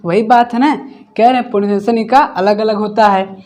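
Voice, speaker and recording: A man's voice: high voice, steady tone, a little mellow. A man teaching English grammar in a class, asking each question and then repeating the answer himself. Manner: explains slowly, step by step. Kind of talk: classroom lesson.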